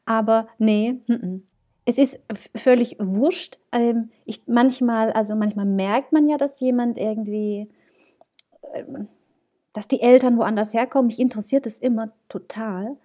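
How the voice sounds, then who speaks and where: A woman in her 30s hosts a podcast, chatting casually and often laughing at herself in a self-mocking way. Her voice is a little high, mellow, and slightly slow.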